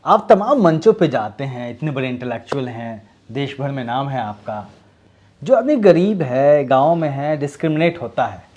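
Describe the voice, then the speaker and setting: A man's voice: mid-range voice, expressive, moderate pace, darkish tone. A man hosting an interview, asking probing questions and often acknowledging with short murmurs. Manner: probing, frequent brief acknowledgements. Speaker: interviewer, host.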